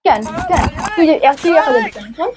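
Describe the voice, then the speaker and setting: A woman's voice: high voice, expressive, brisk, noisy background. A young woman scolding her husband in a heated domestic argument, repeating herself insistently. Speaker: vlogger's wife.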